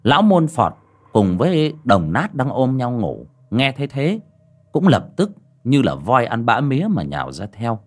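A man's voice: mid-range voice, measured pace, husky. Dramatic male storyteller. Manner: dramatic, animated. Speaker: audiobook narrator. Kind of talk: horror story narration.

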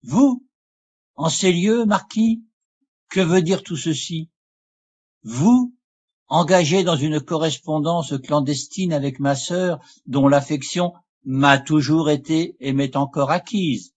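A man's voice: on the high side, fairly even intonation, a little slow, voice pushed up. A man voicing Lorenzo, a heated young nobleman. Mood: indignant. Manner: heated, emphatic, raised voice. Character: hot-tempered young nobleman, angry brother.

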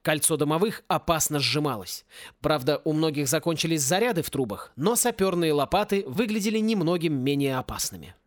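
Narrator, male, expressive animated reading, higher side, dry close mic. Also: brisk, no room sound. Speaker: audiobook narrator. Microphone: close home studio mic.

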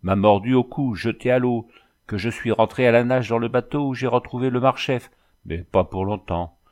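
A man's voice: medium pitch, normal speed, a little mellow, lightly acted. A man voicing a boisterous, flirtatious former cavalry soldier who talks in boastful, rattling exclamations. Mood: excited.

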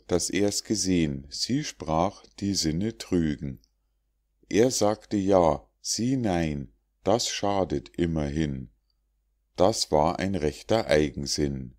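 Slow and deliberate, this deep-voiced man reads rhymed fables for an audiobook. His tone is darkish, and he delivers each verse with a measured, declamatory rhythm.

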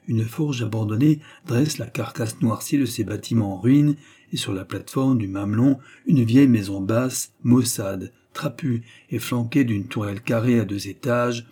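Man, audiobook narrator, low husky voice, dark mellow tone, measured reading. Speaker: audiobook reader.

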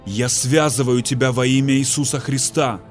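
A man voicing a terrified man who firmly and loudly commands an unseen presence in prayer. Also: medium pitch, fairly even intonation, moderate pace, faint music behind, close to an everyday voice. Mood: commanding. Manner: firm, loud, declaring.

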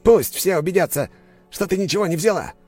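A man's voice: high-pitched, animated, fairly quick, a little mellow, no echo, soft background music, voice pushed up. A man voicing an arrogant, hysterical male aristocrat who screams and stammers in accusation. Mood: haughty accusing.

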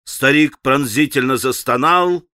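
Man, audiobook narrator, classic novel, expressive dramatic reading, bright voice, dry close sound. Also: mid-range voice, measured pace, dry recording. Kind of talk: scripted literary narration.

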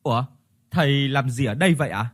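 A man's voice: mid-range voice, animated, fast, close to an everyday voice. Man doing a heartbroken young villager, Toàn. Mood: sad.

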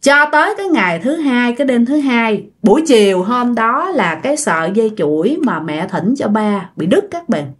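A woman with a Southern Vietnamese accent tells a ghost story in a casual, chatty way, turning often to her listeners. Her voice sits a little high and moves through a wide, expressive pitch range. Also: normal speed, few pauses. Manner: chatty, addresses listeners directly.

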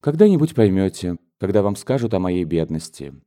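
A man reading an audiobook, voicing a brooding, bitter young gentleman in a low, restrained voice. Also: big pitch swings, fairly quick. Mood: grave. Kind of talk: audiobook character voice.

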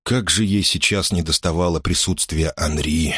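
A man reading an audiobook aloud in an expressive, dramatic style. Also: deep voice, normal speed, breathy edge, no echo, studio quality. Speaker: audiobook narrator. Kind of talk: scripted audiobook narration.

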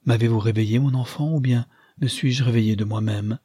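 A man's voice: medium pitch, fairly even intonation, a little fast, dark tone, slightly rough, no echo, clean studio sound, lightly acted. A man voicing a frail, feverish dying mother who pleads anxiously in an audiobook. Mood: tender.

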